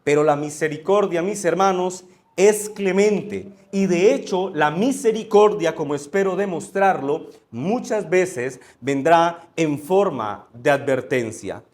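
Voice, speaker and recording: High-voiced man preaching slowly. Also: animated, a little mellow. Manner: earnest, measured preaching, corrects himself when misreading. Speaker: pastor. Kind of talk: sermon.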